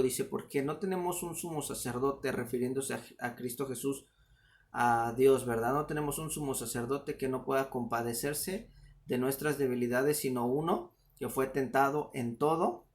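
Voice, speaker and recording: A man's voice: mid-range voice, steady tone, moderate pace, slight background noise. A man giving an informal sermon video, reciting verses from memory and explaining words with many fillers. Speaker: preacher.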